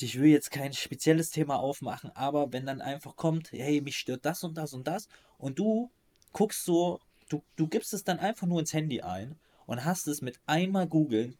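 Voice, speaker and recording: A man's voice: mid-range voice, darkish tone. A man co-hosting a podcast in casual chat, ranting emphatically in slangy words and often restarting his sentences. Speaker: podcast co-host.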